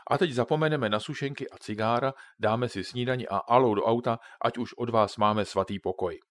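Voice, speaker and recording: A man's voice: medium pitch, no echo, studio quality, close to an everyday voice. A man voicing a joking father who patiently explains things to his children in a storybook reading. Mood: jokey explaining.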